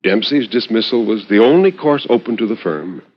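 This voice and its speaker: A man reads a short story as narrator for a radio horror anthology, styled after a 1950s radio storyteller and heard on a dull vintage recording. His intonation is lively, his pitch swinging broadly through careful, literary phrasing, and he lingers over words with dramatic pauses.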